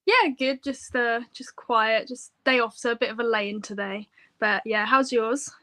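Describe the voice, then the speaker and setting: A woman's voice: fairly high pitch, unhurried, fairly bright tone. A woman in her twenties on a phone call, answering interview questions in an easygoing, hesitant way. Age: 20s.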